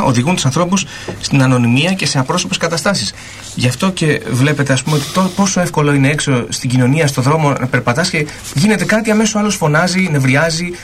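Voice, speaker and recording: A man's voice: on the high side, slight background noise. A man on a radio discussion panel, explaining in a lecturing style and listing his points one after another.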